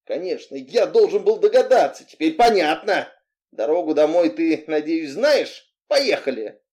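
A man's voice: a little high, very animated, unhurried, a little mellow, pitched above the performer's own voice. Audiobook tough guy, blunt and wary, clipped lines, darkish voice, read by a man. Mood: curt. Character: tough seasoned male bodyguard, blunt and wary.

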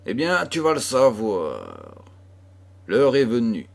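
A man voicing a troubled mother who speaks gravely and sorrowfully to her daughter, in an audiobook. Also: medium pitch, wildly swooping pitch, slow pace, exaggerated voice. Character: grieving, troubled mother with a dark secret.

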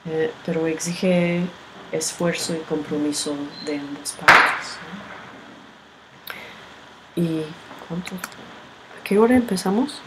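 Give me a woman giving a slow, thoughtful group talk, her voice set against steady background noise. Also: deep voice. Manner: unhurried, halting, often ends with a questioning tag. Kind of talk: reflective teaching talk with a personal story.

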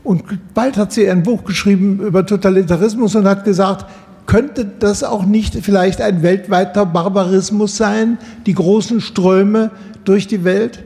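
A man talks in long, winding, academic sentences on a radio panel. His voice sits high and sounds soft and mellow. A long reverb hangs on every phrase. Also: steady tone, normal speed, gravelly. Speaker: panel guest.

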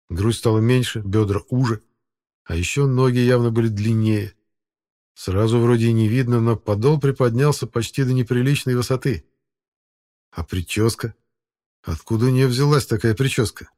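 A man narrating an audiobook in a steady, even storytelling manner. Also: mid-range voice. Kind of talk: scripted narration.

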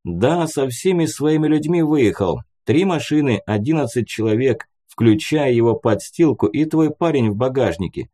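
A man voicing a gruff male checkpoint guard who reports matter-of-factly in an audiobook. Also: mid-range voice, animated, moderate pace, hardly any pauses, warm tone, pitched above the performer's own voice, close to an everyday voice. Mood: apologetic.

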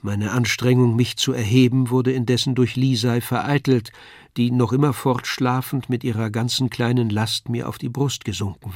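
Brief: older male narrator, steady literary reading, dry close recording. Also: medium pitch, dry recording. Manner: measured, even storytelling. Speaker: audiobook narrator.

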